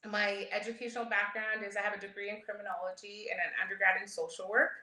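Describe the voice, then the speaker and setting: A startup founder born in El Salvador and raised in Edmonton, Canada, gives an informal keynote full of personal stories, candid and chatty and often chuckling. Her mid-range voice is fast, pushed, and bright with a flat delivery, in a roomy, echoing recording.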